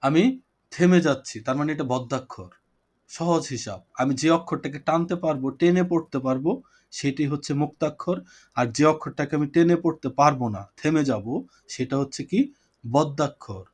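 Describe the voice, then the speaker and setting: A man's voice: a little high, brisk. A man teaching a poetry class over a video call, explaining points patiently, repeating them and asking his students questions. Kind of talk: online class lecture.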